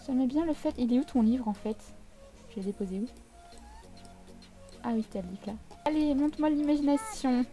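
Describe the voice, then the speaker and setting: A woman's voice: high voice, moderate pace, pauses often, mellow, faint music behind. A woman giving casual, chatty gameplay commentary with a playfully teasing manner. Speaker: video game let's player.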